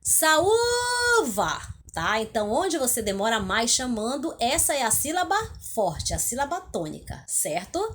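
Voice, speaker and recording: A Brazilian woman teaching a recorded spelling lesson for children, in an affectionate sing-song classroom manner that stretches example words slowly and calls them out. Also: fairly high pitch, sing-song, slight background noise. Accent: Brazilian Portuguese.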